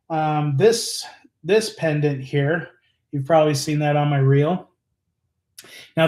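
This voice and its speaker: On a casual live stream, a man with a fairly high, slightly mellow voice talks earnestly and rambles, circling back with fillers and restarts. He's in an echoey room, so his voice bounces a little off the walls.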